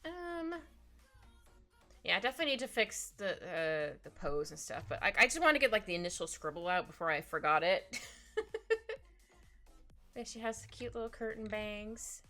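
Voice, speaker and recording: Pausing often, a woman chats on an art livestream while drawing, her medium-pitched voice very animated and sharp-toned at a moderate pace. She comes across as bubbly and giggly, rambling through asides with a slightly stuffy nose, over background music.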